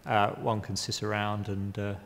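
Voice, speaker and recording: A man's voice: on the low side, level tone, moderate pace, creaky. A man in his fifties from Guyana, an artist giving hesitant, wry interview answers with many ums and restarts. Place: art gallery exhibition space. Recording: reverberant room.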